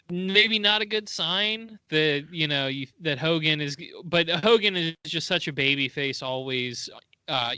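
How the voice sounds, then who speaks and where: A man's voice: on the high side, pushed and bright, dry recording. A man co-hosting a podcast, recapping events in casual chat and laughing often. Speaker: podcast co-host.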